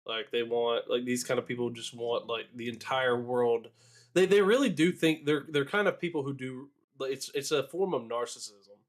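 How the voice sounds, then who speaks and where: A man's voice: medium pitch, normal speed. A man co-hosting a casual live podcast, talking in a rambling, hesitant way. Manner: rambling, hesitant, many fillers and restarts. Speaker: podcast co-host.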